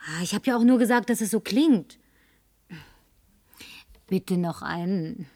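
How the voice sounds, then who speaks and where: A woman with a mid-range, dark-toned voice dubs a lonely, tipsy, flirty advertising agency woman for a German film, speaking a little slowly with lively intonation. Her breathy whisper coaxes, then occasionally turns demanding.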